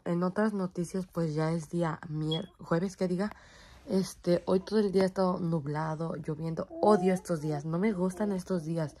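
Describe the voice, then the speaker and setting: In her home bedroom, a young woman who vlogs about motherhood talks casually into her phone camera, joking around and cursing now and then. She has a lowish, warm voice, and there's slight background noise.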